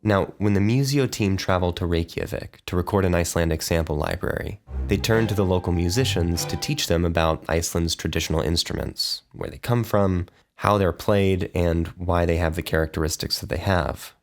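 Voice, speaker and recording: A man's voice: deep voice, fairly quick, few pauses. A man hosting a podcast, narrating a scripted intro and then chatting easily with a guest. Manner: easygoing, conversational. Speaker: podcast host and interviewer.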